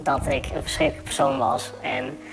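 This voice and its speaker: A young man speaking quietly and haltingly in a recorded interview, his voice disguised with deep pitch shifting. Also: wildly swooping pitch, creaky. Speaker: interviewee, former patient. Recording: pitch-shifted voice over background music. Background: soft background music.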